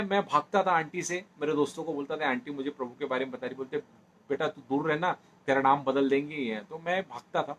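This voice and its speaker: Man telling a personal testimony. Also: high voice. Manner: storytelling, repeats phrases, many fillers. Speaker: speaker giving a personal testimony.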